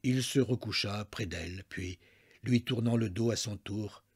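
A male storyteller giving a dramatic reading of a classic short story, often dropping to a hushed tone. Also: on the low side, unhurried, husky.

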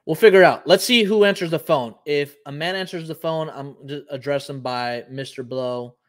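A Puerto Rican man in his thirties hosts a live show from his home office, explaining things casually and thinking aloud with frequent ums. His voice is a little high, and he talks at a moderate pace.

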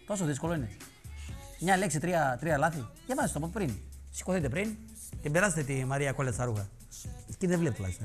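A man hosting a television show, delivering mocking, sarcastic political commentary in animated rants. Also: a little high. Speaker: TV show host. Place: television studio.

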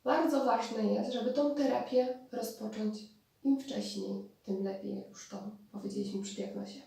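A woman explaining therapy methods in a spoken lecture, pausing and restarting as she thinks. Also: a little high, steady tone, gravelly, dark tone. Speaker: speech therapist. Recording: distant mic in very echoey room.

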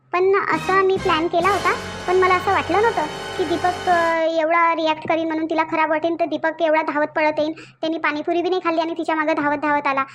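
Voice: very high voice, a bit bright. Mohini, a gloating schemer. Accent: Vidarbha Marathi (Varhadi). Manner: gloating, self-satisfied monologue. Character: scheming young woman rival, gloating. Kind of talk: cartoon voice acting.

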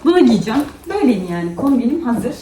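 Mom vlogging at home, chatty and kinda worn out, echoey room with a little noise. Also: female voice, a little high, big pitch swings, fast talker. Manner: chatty, tired and venting. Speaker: vlogger and mother. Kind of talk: casual vlog chat to camera. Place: at home indoors.

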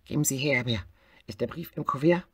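A man voicing a quick, brisk male hare in a storybook reading, speaking high and loud. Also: slightly rough.

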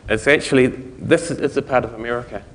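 A middle-aged man giving an informal conference lecture, explaining things in a halting way with trailing thoughts. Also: medium pitch, creaky, a bit bright. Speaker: conference speaker. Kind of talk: technical lecture to an audience. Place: conference lecture room, indoors. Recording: reverberant hall recording.

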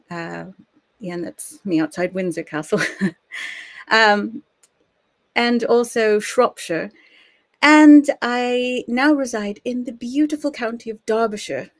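An American woman in her thirties hosts a live-streamed history show from her home study, chatty and friendly with small fillers. Her voice is medium in pitch, with no room sound.

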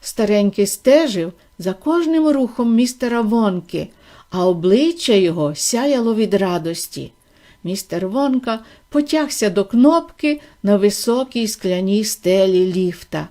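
Mellow woman narrating a storybook. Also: mid-range voice, a little slow. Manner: steady storytelling delivery. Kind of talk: audiobook reading of a children's novel.

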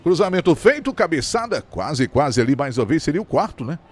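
A male football commentator. His voice sits high and swings widely in pitch. He calls the play live and excitedly, stretching key words into long cries. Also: fairly quick.

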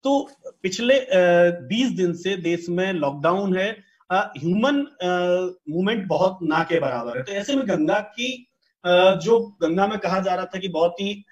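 A man's voice: high voice, animated, a little slow, dull audio. A man in his thirties interviewing a guest over a video call, asking polite, long-winded questions full of fillers. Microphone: video call with earphones.

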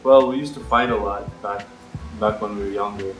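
A man's voice: lowish voice, fairly even intonation, fairly quick. A young man answering casual questions at a kitchen table, easygoing and hesitant, with lots of ums. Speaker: guest, host's brother. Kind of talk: casual Q and A chat while eating. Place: home kitchen, indoors. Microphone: camera across the table. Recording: roomy kitchen sound, mic at a distance, music under. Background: background music.

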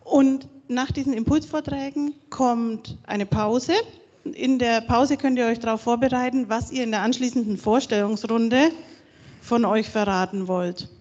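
A woman presents a conference program in a relaxed, self-correcting way. Her voice rings with long reverb through a large hall, and the sound is dull and lo-fi. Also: on the high side, a little slow. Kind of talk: conference moderation. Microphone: handheld microphone.

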